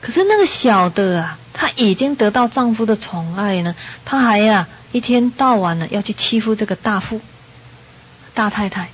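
Woman doing a buddhist sermon, storytelling, kinda husky voice, dull lo-fi recording. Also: mid-range voice, moderate pace. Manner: lively storyteller, acts out the characters' quoted lines. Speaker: Buddhist dharma teacher. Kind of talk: storytelling sermon to a live audience.

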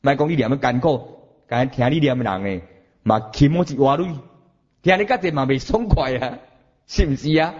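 A man with a Taiwanese accent giving a Buddhist sermon, animated, chanting examples and questioning his listeners. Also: mid-range voice, normal speed, slightly rough, lo-fi sound. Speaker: Buddhist teacher.

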